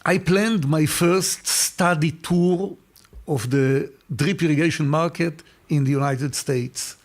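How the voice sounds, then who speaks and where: A man's voice: a little high, slow pace. An older man with an Israeli accent, an interview guest telling stories and often repeating words while he searches for them. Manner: warm anecdotal storytelling. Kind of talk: casual interview.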